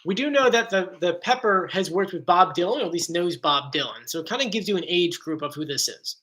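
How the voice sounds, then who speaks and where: A man hosting a casual live stream, chatty and excitable, reading chat comments aloud. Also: sits high, brisk. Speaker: host.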